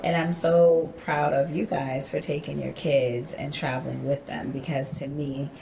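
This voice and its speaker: An American woman in her forties, an event organizer appearing as a podcast guest, tells travel stories in relaxed conversation. Her deep, unhurried voice has vocal fry, there's background noise, and she's an animated storyteller who acts out quotes.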